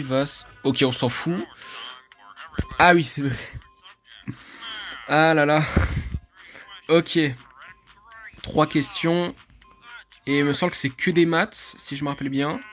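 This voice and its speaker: A man from France giving excitable, chatty let's-play commentary, laughing often and swearing casually. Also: a little high. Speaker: gaming YouTuber.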